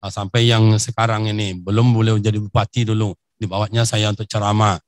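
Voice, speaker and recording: A man preaching a sermon with a Riau Malay accent, animated and acting out little stories, jumping into high-pitched bursts. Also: fairly quick, dry recording, studio quality. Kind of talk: lively sermon with acted-out stories.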